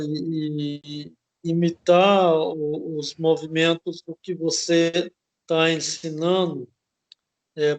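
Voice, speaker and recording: A man hosting an interview, explaining at length in a halting way and often tagging his phrases with a questioning "né?". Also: fairly high pitch, darkish tone. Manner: slow, halting, ends phrases with "né?". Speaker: host.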